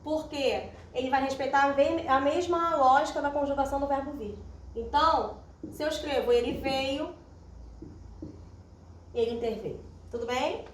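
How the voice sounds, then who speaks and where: Brief: Brazilian woman teacher with a higher voice, patient and step-by-step, picked up from afar in a roomy space. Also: normal speed. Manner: patient, explains step by step, checks in with "tá?". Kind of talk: recorded classroom grammar lesson at a whiteboard. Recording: roomy echo, distant mic, faint hiss.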